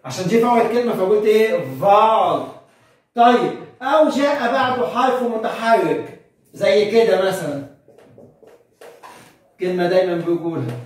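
High-voiced Egyptian man, echoing from afar. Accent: Egyptian Arabic. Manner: asks questions and answers them himself; spells words out slowly, syllable by syllable. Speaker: monk priest teaching Coptic. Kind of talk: beginner language lesson. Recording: very echoey room, far from the mic.

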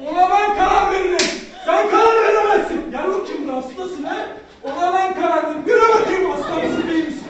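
A shrill, bullying husband, played by a woman, who barks scolding insults at his wife and yells at a football match. The stage skit is captured from a distance in a booming, echoing hall. The sound is dull, with a faint crowd murmuring. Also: quick pace. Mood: taunting. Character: bullying, cursing grown husband, football fan. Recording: echoey hall, far from mic, dull.

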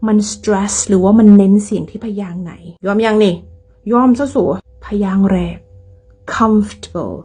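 A woman's voice: mid-range voice, steady tone, moderate pace, warm tone, breathy edge. A woman with an Isan Thai accent teaching English pronunciation in a playful, teasing way. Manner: playful, teasing, mixes in dialect. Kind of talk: casual video lesson.

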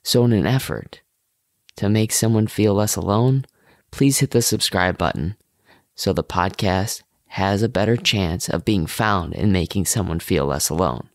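A man's voice: deep voice, lively intonation, measured pace, no echo. Friendly young man hosting a podcast. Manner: friendly, casual, with fillers. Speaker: podcast host. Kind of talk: casual interviewing.

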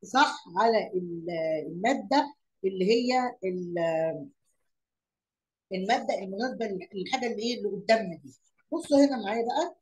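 A woman's voice: medium pitch, fairly quick, darkish tone, low-quality recording. A woman with an Egyptian Arabic accent teaching young pupils. She repeats words, asks questions aloud and mixes English lesson words into her Arabic explanations.

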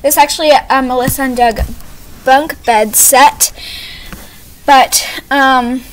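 A young woman who hosts a doll video channel gives a home tour in a small indoor playroom, chatting casually, rambling and correcting herself. Her voice is high-pitched, steady and slow. The amateur camera audio is low quality, with noticeable background noise.

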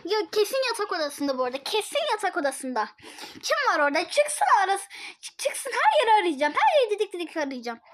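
A woman's voice: extremely high pitch, sing-song, fast. A young woman searching her home in a panic, talking frantically and close to tears. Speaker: prank target. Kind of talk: casual vlog.

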